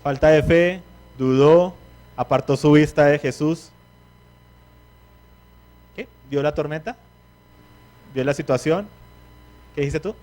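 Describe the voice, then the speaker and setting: Male preacher, higher voice, animated teacher who quizzes his congregation and acts out quotes. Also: takes it slowly, long pauses. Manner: acts out the quoted speech of biblical figures. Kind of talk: sermon.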